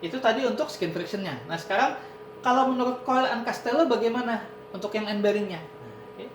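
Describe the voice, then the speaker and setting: This Indonesian-accented man talks a little fast, his pitch swinging widely as he lectures online to university students. He walks through the material step by step, repeatedly using "nah" and "ini," recorded in a noisy, echoey room with rumble.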